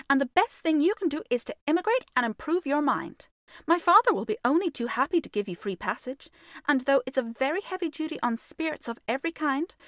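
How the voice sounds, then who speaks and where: A woman voicing a spirited, sharp-tongued young girl who talks quickly and brightly in a raised voice. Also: high-pitched, no room sound, clean studio sound, voice pushed up. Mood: scornful.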